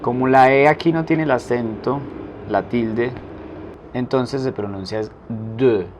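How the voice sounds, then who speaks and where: A man teaching a language lesson, slowly and deliberately repeating each phrase for practice. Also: medium pitch, faint music behind. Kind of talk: French lesson taught in Spanish.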